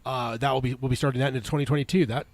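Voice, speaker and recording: Co-hosting a casual podcast, a man rambles rapidly in a mid-range, steady voice, dropping in plenty of "uh" fillers. He sounds a little congested.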